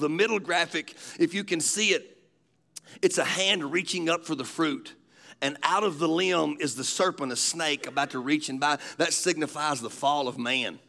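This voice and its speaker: A man's voice: on the high side, vocal fry, bright, forceful tone. A man, preaching a sermon in a folksy storytelling way. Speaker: pastor.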